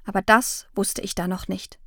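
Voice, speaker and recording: A woman reads a children's story in a calm, measured way, at a middle pitch. The recording is dry, with no room sound. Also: no room sound. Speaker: audiobook narrator. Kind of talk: scripted first-person narration for children.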